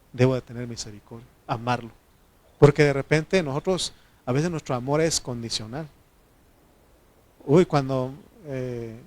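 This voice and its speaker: A man in his thirties with a Mexican accent, preaching a conversational sermon and often adding "amén". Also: mid-range voice. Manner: conversational, repeats phrases, frequent "amén".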